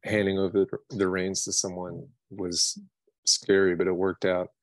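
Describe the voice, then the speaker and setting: In a low-quality, dry recording, a New York City singer-songwriter talks casually in an interview with a low voice and flat delivery at normal speed. He rambles, drops slang and runs himself down with humor.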